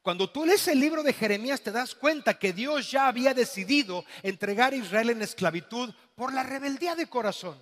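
A man with a Mexican accent preaching a sermon as pastor, swinging between loud, dramatic passages and hushed, quiet ones. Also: very high-pitched, animated, a little fast, hardly any pauses, long reverb tail. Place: church.

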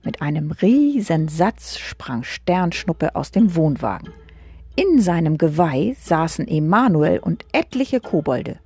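A woman reading a children's book aloud, gently addressing young listeners. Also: low-pitched, big pitch swings, slow, husky, dry recording, faint music behind.

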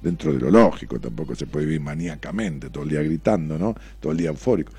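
A middle-aged man with a Rioplatense Argentine Spanish accent hosts a radio call-in show, reading listener messages aloud and firing back sarcastic, provocative replies full of swearing. His voice is a rumbling low, mellow and husky, and he talks fast.

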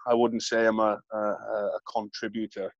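A man's voice: lowish voice, level tone, moderate pace, no echo, dull audio. A man co-hosting a podcast from his home workshop, chatting casually, calling his co-host "mate" and often restarting his sentences. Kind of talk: casual chat.

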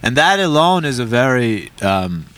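A man's voice: mid-range voice, big pitch swings, measured pace, a bit bright, clean tone, dry recording. A young man, a comedian guest, chatting casually in a parked car, telling loose, profane stories with lots of restarts. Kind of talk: casual podcast chat.

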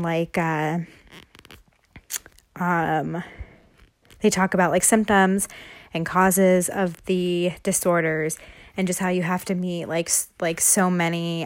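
A woman's voice: fairly low pitch, little pitch movement, slow pace. A young woman hosting a casual podcast monologue, talking loosely with many fillers and audible heavy breathing. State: breathing heavily. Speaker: podcast host.

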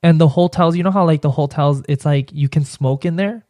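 A man's voice: fairly high pitch, brisk, mellow, dry recording. A man with a Mexican Spanish accent, chatting casually as a podcast guest and rambling through stories with lots of restarts. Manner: rambling, hesitant storytelling with many restarts. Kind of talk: casual chat.

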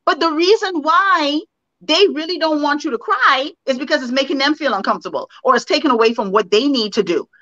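Woman, podcast co-host, bright tense voice, animated casual talk, dry muffled recording. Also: high voice, fairly quick, dry recording. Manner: animated, conversational, asks her co-host questions. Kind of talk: casual discussion. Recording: dull lo-fi sound.

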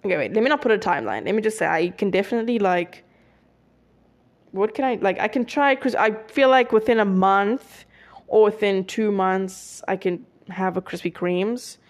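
A woman's voice: mid-range voice, expressive, normal speed. A young woman of nineteen hosting a solo podcast, chatting casually with many fillers and self-corrections. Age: young adult. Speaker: podcast host.

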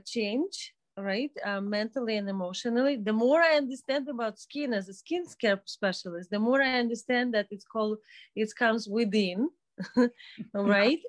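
Higher-pitched woman with Belarusian accent. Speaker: podcast guest, day spa owner and skincare specialist. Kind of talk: casual interview talk.

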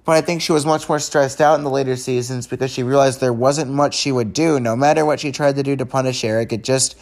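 A man's voice: mid-range voice, steady tone, fast, a little mellow. A man hosting a podcast, reviewing in a casual, unedited way, rambling conversationally with frequent restarts and stammers. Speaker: podcast host.

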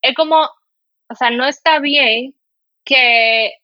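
On a recording with the highs cut off and no room sound, a woman speaks slowly in a high voice. As a casual podcast host from the Dominican Republic with a mild local Spanish accent, she tells indignant stories animatedly, using many fillers.

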